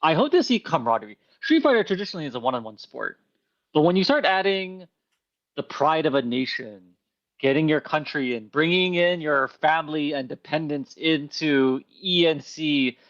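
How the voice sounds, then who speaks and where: Measured male color commentator, dry sound. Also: on the high side, no echo, muffled recording. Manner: measured and reflective, with wordplay. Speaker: esports commentator.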